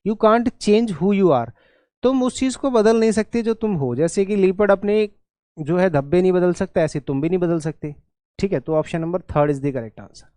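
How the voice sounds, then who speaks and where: A man's voice: sits high, measured pace, warm tone, dry recording. A middle-aged Indian man, an English teacher, explaining exam idioms in an online class and mixing in Hindi with a teasing, scolding manner. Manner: switches between English and Hindi explanations, scolds students jokingly.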